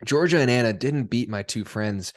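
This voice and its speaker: A man's voice: medium pitch, normal speed. A young man hosting a casual podcast chat, laid-back and chatty, laughing often. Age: young adult. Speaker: podcast host.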